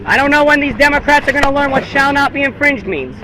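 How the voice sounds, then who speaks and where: This American man's very high-pitched voice moves fast as he protests on the street, calling out repeated slogans and chatting with people going by. The clip was recorded by a busy road, with traffic noise behind him.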